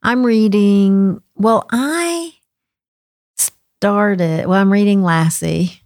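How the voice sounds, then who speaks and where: A woman talking as a guest in a casual studio conversation, animated and quick to laugh. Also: medium pitch, no room sound. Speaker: curriculum specialist guest. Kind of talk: casual chat.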